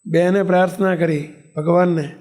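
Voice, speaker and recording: A man's voice: sits high, fairly even intonation, moderate pace, darkish tone. A man giving a sermon, telling a story, acting out its characters and asking the listeners questions. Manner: acts out characters' voices in his stories; asks the listeners rhetorical questions. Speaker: preacher.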